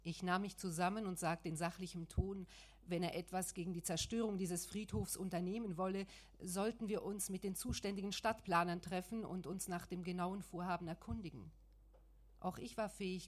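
A woman narrating a first-person memoir audiobook in a measured, reflective way. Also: lowish voice, steady tone.

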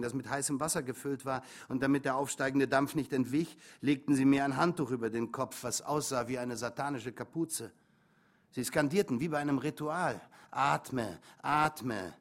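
A male audiobook reader with a calm, measured delivery. He narrates in the first person, and his voice sits at a middling pitch. The telling is steady and even. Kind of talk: memoir read aloud.

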